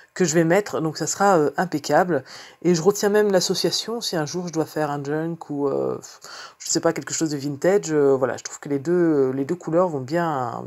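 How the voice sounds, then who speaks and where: Chatty low-voiced woman crafter. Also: a little mellow. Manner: chatty, rambling, many fillers and restarts. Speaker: card-making crafter. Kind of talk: casual craft vlog chat.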